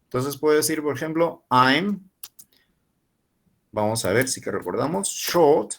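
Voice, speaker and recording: With a slightly high, gravelly voice and a very animated delivery, a Peruvian university professor in his forties teaches an online English class in Spanish. He slowly repeats model phrases for his learners.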